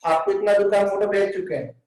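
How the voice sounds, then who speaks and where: High-voiced man teaching in an echoey room. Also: steady tone, darkish tone. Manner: dictates slowly, mixing Hindi and English. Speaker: physics teacher. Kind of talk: live online class lecture. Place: classroom with a board. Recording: very echoey room, distant mic.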